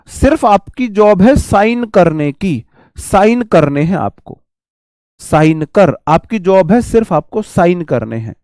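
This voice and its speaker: An online exam-prep vocabulary teacher speaks slowly in a high, somewhat mellow voice with lively intonation, recorded dry. He is chatty and repetitive, explaining words through homely examples and calling viewers his brother.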